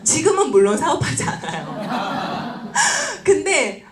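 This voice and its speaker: A woman giving a seminar talk as a lively story, acting out voices and laughing often. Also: high voice, takes it slowly, a crowd in the background. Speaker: speaker at a business seminar. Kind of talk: animated storytelling lecture. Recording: roomy echoey hall.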